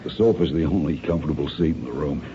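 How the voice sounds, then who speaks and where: In a dull, noisy old recording of a 1970s radio drama, an actor with a very deep male voice plays a masked crime planner who is polite and calculating. He sounds courteous and hospitable, delivering formal, measured, persuasive phrases.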